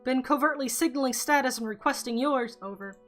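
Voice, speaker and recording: A woman with a high, brisk, slightly bright voice reads a story game aloud over soft background music. She plays a paranoid teenage boy using a put-on robotic voice, talking in terse, clipped radio chatter and closing every turn with "over."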